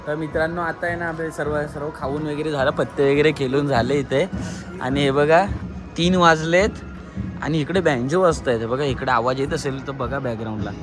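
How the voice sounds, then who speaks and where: A man's voice: on the high side, brisk. A man narrating a family trip vlog outdoors at night, chatty and always pointing things out to his viewers. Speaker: vlogger filming a family trip. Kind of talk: casual handheld vlog narration. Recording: music and crowd chatter behind.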